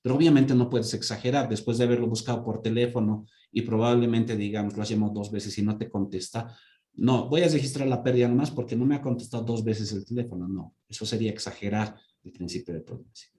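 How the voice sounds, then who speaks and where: A man teaches accounting to a class, walking through everyday examples. He keeps checking that his students follow along. His voice is mellow and sits in a roomy, echoing space. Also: lowish voice, fairly even intonation, fast. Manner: asks students for confirmation with repeated "¿sí?". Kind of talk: online class lecture.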